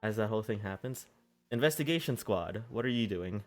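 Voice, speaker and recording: A man with a fairly low voice narrates a tabletop game as its game master. His phrasing is halting and improvised, with music playing underneath. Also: animated. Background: background music.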